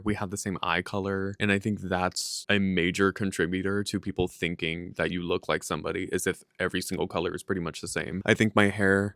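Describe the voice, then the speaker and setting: Sassy young guy in his twenties rambling to camera, kinda low voice, dry close sound. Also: dry recording. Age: young adult. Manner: sassy, joking, profane. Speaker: vlogger. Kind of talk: casual chat to camera.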